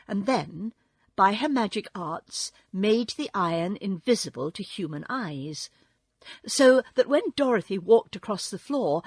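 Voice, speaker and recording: A woman reading a classic children's book aloud in a slow, expressive storytelling way. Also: mid-range voice, slightly rough, dry recording, studio quality.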